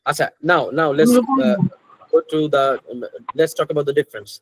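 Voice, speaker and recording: A man's voice: a little high, animated, extremely slow, background noise. A man with a Bangladeshi accent, teaching an English pronunciation class who mixes Bengali with English phrases and keeps asking his students questions. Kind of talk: online class lecture.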